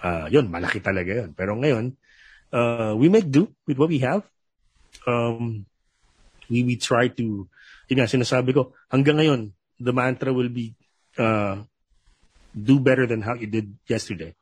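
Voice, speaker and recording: A man's voice: medium pitch, darkish tone, breathy edge, dry recording. A man with a Filipino accent, a radio DJ guest, talking casually with many fillers and restarts. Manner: halting, many fillers and restarts, then polished radio announcer delivery. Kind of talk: casual interview mixing English and Filipino.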